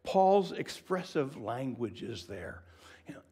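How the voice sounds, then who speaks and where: A man preaching a sermon in an expressive, conversational way, asking the listeners questions and often dropping to a whisper for emphasis. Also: medium pitch, takes it slowly, slightly rough. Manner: conversational, asks the congregation questions.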